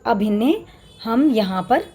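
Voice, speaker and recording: A woman's voice: on the high side, expressive, a little slow, warm tone, slightly rough. A woman teaching a recorded lesson to young children, explaining patiently and often addressing them directly. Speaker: primary school teacher. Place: Chhattisgarh, India.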